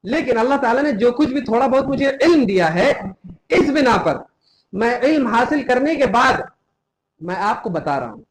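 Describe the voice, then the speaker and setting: A man's voice: very high-pitched, big pitch swings, moderate pace, low-quality recording. A young man giving an impassioned sermon, scolding his listeners and quoting scripture in Arabic. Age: young adult. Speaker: preacher.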